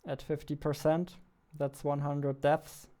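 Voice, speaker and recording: Keyboard typing, clicking and faint music accompany a man in his twenties, an indie game developer hosting his own devlog, as he works through code at an indoor computer desk. He mutters short fragments to himself in a casual, thinking-aloud way, his slow, mellow, level voice sitting on the high side.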